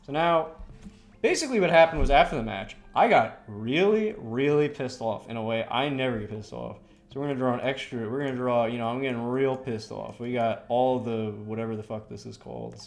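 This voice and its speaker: A man's voice: mid-range voice, fairly quick, vocal fry. A young man, a streamer, telling a story in a casual, rambling way while he draws. He swears a lot and fills his talk with lots of "like" and "you know".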